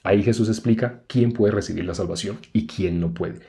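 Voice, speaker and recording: A man's voice: on the low side, a little fast, vocal fry, mellow. A man preaching a conversational sermon. He explains step by step and often asks rhetorical questions.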